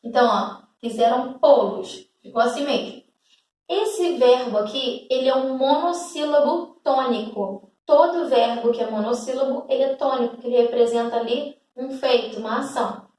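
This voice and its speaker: Teacher in an echoey room. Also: female voice, high voice, moderate pace, a little mellow, far from the mic. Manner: explains step by step, often checking in with "tá?" and "ok?". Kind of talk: grammar lesson for schoolchildren. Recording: echoey room, away from the mic.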